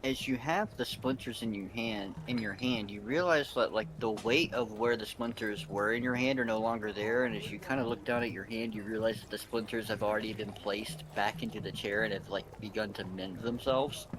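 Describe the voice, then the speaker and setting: A man's voice: fairly low pitch, brisk, hardly any pauses, poor audio. A man narrating a tabletop game as game master, rambling with many fillers. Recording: clear background ambience.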